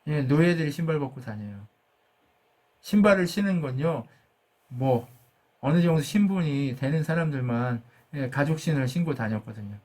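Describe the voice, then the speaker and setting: Man preaching a sermon, fairly high voice, questions to the congregation, rising emphasis. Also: lively intonation, normal speed, a little mellow. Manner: asks the congregation questions and answers them himself; acts out God's words with rising pitch and force. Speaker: pastor.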